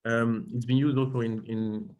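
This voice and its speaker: A man giving an academic thesis defense presentation as a doctoral candidate, speaking in a hesitant, halting way and often repeating and rephrasing himself. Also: mid-range voice, little pitch movement, a little mellow.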